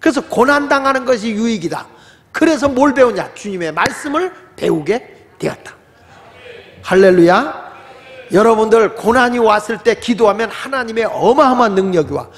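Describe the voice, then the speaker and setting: A man's voice: extremely high pitch, lively intonation, normal speed. A male pastor preaching a sermon in a church, emphatic and casual, leading the congregation in reading aloud. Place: church sanctuary. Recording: long reverb of a large hall.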